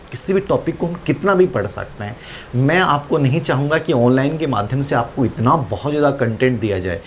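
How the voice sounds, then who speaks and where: A man's voice: fairly high pitch, a little hiss or hum. Man teaching, quizzing his own points. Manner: repeats questions and answers them himself; tags lines with "ठीक है". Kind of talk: exam-prep psychology lecture.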